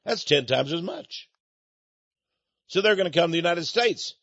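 High-voiced man ranting indignantly. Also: expressive, moderate pace, fairly bright tone, no room sound. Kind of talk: political commentary monologue. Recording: dull, dry lo-fi recording.

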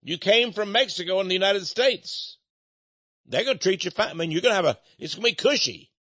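High-voiced man ranting indignantly. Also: expressive, a little fast, fairly bright tone, no room sound. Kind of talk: political commentary monologue. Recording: dull, dry lo-fi recording.

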